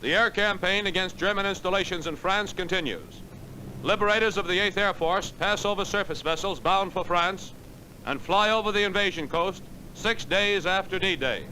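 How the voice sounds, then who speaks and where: A man with a high, crisp voice narrates in the measured manner of a 1940s wartime newsreel announcer. It sounds like an old newsreel soundtrack, with loud hiss and engine noise underneath. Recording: noisy archival film soundtrack.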